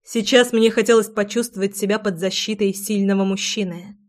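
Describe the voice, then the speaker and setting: A woman narrating a first-person romance audiobook, reading in an expressive, emotive way. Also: medium pitch, a little fast.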